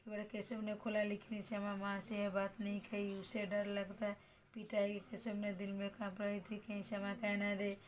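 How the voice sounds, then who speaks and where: Brief: woman teacher, steady story reading for a class, mid-pitched, level delivery. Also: normal speed, a little hiss or hum. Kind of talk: reading a story lesson aloud.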